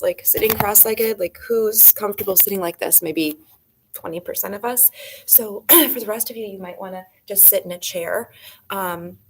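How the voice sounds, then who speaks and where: A woman yoga teacher guiding a class, talking in a chatty, rambling way with many fillers and giving gentle step-by-step instructions. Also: mid-range voice.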